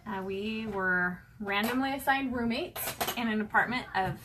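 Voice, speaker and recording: Upbeat woman host walking viewers through a craft, rapid and chatty; noisy home recording. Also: mid-range voice. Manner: fast-talking, chatty, many fillers. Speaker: craft show host demonstrating sewing. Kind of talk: casual livestream sewing tutorial. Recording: clear background noise with clicks.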